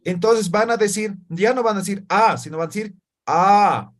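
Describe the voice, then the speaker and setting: A man's voice: high-pitched, moderate pace. A man teaching a language class, explaining step by step and checking often that students follow. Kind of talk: classroom lesson.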